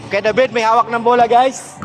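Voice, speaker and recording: High-voiced man calling a game. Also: fairly quick. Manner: excited, shouting calls. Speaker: cameraman doing play-by-play. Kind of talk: casual play-by-play commentary. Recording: music playing under voice.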